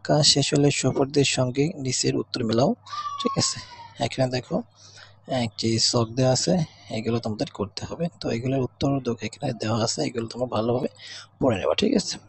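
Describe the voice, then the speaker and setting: A man's voice: medium pitch, huge pitch swings, fairly quick, vocal fry, breathy edge, dry recording. A man teaching an exam revision lesson. He reads out words twice and keeps asking "okay?" with a rise. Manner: repeats each word twice as he reads.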